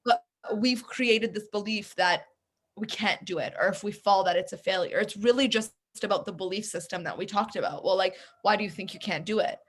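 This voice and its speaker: A woman in casual conversation, an animated storyteller who acts out the voices in her tale. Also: medium pitch, fairly quick. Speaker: podcast guest.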